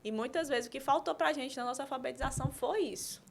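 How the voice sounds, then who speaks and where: Uma mulher convidada, pedagoga e terapeuta, explicando com exemplos numa conversa de podcast e pontuando as frases com "né?". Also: female voice, sits high, quick pace, creaky, a little hiss or hum. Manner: explains with examples, frequent "né?". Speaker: guest, pedagogue and therapist.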